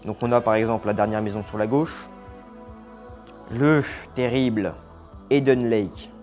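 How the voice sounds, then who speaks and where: A man giving a casual, opinionated horror film review. He is blunt and slangy, and his voice trails off quietly at the ends of phrases. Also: fairly low pitch, steady tone, measured pace. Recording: slightly dull lo-fi sound with faint music.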